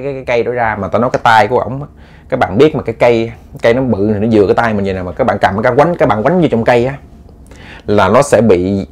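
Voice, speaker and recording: A man telling a ghost story in a lively way, speaking straight to his listeners with many repeats. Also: medium pitch.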